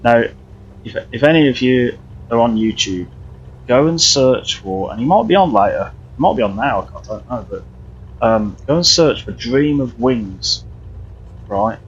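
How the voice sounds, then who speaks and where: A man talks his way through a flight sim stream, rambling with many restarts. His voice is husky and mid-pitched, and the audio sounds a bit dull and lo-fi. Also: lively intonation, measured pace. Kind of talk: live flight sim commentary.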